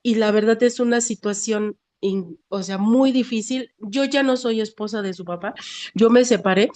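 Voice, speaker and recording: A middle-aged woman in a support group asks a question, speaking haltingly with many restarts. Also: on the high side, darkish tone.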